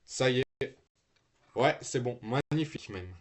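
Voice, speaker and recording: A man's voice: medium pitch, animated, a little slow. A teenage boy live-streaming from home, chatting loosely with slang and swearing, full of restarts and trailing fillers. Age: teens. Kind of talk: casual live-stream chat.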